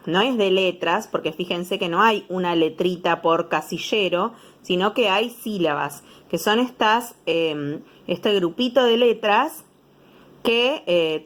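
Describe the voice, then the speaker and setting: A woman's voice: mid-range voice, fairly bright tone. A young woman teacher with a Rioplatense Spanish accent, patiently explaining homework to young pupils, sounding out syllables and checking in often.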